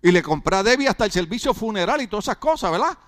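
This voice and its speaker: A man preaching in a chatty, joking way with lots of rhetorical questions. His voice sits high for a man and swings widely up and down. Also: sing-song, very fast, fairly bright tone. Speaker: pastor. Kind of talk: humorous sermon.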